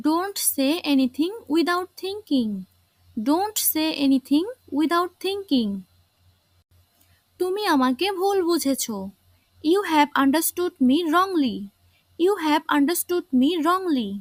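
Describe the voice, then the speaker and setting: A woman teacher reading short lesson phrases and repeating each one twice, slowly and clearly. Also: extremely high pitch, dry recording. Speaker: language teacher.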